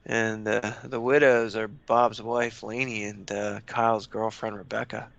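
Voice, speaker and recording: Gravelly, forceful-voiced male commentator. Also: fairly low pitch, flat delivery, a little slow, no echo, muffled recording. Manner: joking, chuckling banter. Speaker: sports commentator. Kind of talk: casual live sports commentary.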